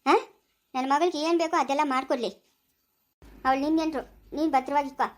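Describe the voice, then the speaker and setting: A woman, playing a bossy, sharp-tongued village mother in a home-made family drama. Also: high-pitched, steady tone, fast, natural voice. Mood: scolding. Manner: scolding, bossy.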